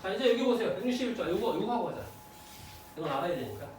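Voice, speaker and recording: Lively male math teacher in echoey classroom. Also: sits high, racing, far from the mic, a little hiss or hum. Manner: lively, checks understanding with students. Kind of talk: classroom lecture.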